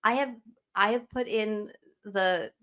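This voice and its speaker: A woman's voice: mid-range voice, slow pace, a bit bright, a little hiss or hum. Playful South Jersey woman chatting. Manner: laughs often, playful. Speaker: podcast guest, host's wife. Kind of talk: casual chat.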